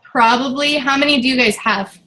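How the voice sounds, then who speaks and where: A woman's voice: high voice, a little fast, sharp tone, poor audio. A woman running a casual team meeting as coach, chatty and loose, with lots of fillers and restarts.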